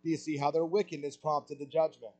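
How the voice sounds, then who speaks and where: A man preaching a sermon with passion, asking rhetorical questions and swelling louder on key points. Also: fairly high pitch, flat delivery, brisk, faint music behind, low-quality recording.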